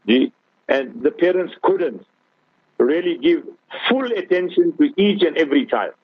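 A South African-accented guest scholar gives an earnest religious radio talk, regularly speaking to the host. His voice is on the high side with lively intonation, a measured pace, and a slightly rough texture. There's no echo, and the broadcast has a tinny, phone-like sound.

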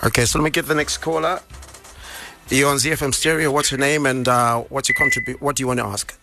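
A male radio host briskly taking the next caller on a call-in show. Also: medium pitch, steady tone, pushed and bright, faint music behind.

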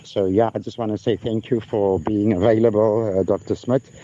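A man's voice message plays back, low-pitched and mellow, with a dull, lo-fi sound. Faint crickets chirp behind him while he talks in a friendly, thankful, unhurried way. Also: steady tone, slight background noise. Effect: recorded voice message played on air. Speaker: listener sending a voice note. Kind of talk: casual spoken greeting.

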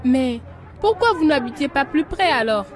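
A woman's voice: sits high, lively intonation, normal speed, faint music behind, a faint crowd. An actress playing a polite, earnest teenage girl in a radio drama, respectful and inquisitive. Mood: curious, polite.

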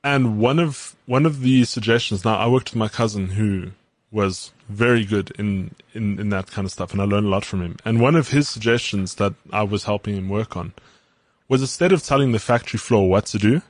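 A man's voice: on the low side, fairly quick, no room sound. A man in a casual chat, earnest, explaining his views with everyday examples and a few stumbling starts.

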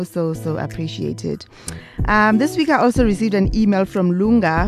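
A woman's voice: medium pitch, darkish tone. A young adult woman with a South African accent, hosting a casual travel podcast in a chatty, enthusiastic way. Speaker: podcast host.

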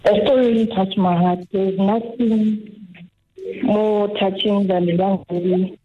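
A South African woman calling in to a radio show, talking in a courteous, measured way. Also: mid-range voice, fairly even intonation. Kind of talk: phone-in conversation. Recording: tinny narrowband phone line.

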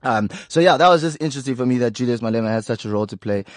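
A man's voice: medium pitch, very fast, no room sound. Laid-back podcast guy. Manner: loose, joking, swears freely, rhymes off the cuff. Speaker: podcast co-host. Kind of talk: casual chat.

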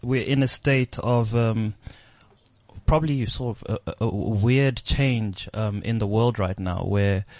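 A man's voice: fairly low pitch, a little mellow, no echo. A man from South Africa hosting a studio interview, asking probing questions with frequent restarts. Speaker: host. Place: radio studio.

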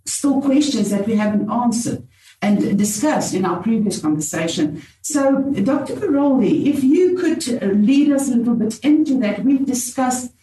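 A woman's voice: a little high, expressive, moderate pace, dark tone. A woman with a South African accent, hosting a panel discussion as a radio talk show host. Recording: roomy, distant mic, faint background noise.

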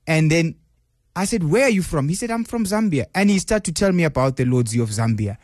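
A man's voice: fairly high pitch, animated, a little fast, darkish tone, dry recording, clean studio sound. A male radio host interviewing a guest in a chatty, enthusiastic way.

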